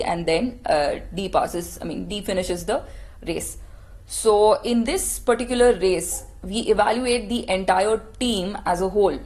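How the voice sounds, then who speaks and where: A woman's voice: mid-range voice, darkish tone. A woman lecturing on clinical testing, explaining step by step in a patient teaching tone and asking rhetorical questions.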